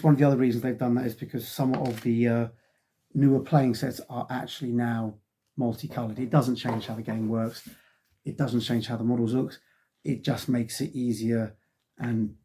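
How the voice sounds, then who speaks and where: Dark-toned and slightly rough, this mid-range male voice comes from a middle-aged man rambling casually through a wargaming magazine review. He sighs often and fills gaps with ums, his voice fading as he gets over a cold.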